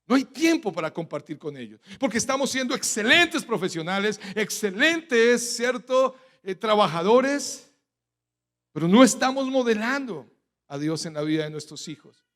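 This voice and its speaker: A Colombian man preaches in church in a fairly high voice. He drives his sermon with rhetorical questions and sharp emphatic stresses. He leaves gaps for the congregation to fill in his lines. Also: big pitch swings, normal speed. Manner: emphatic preaching cadence with sudden loud stresses. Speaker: pastor.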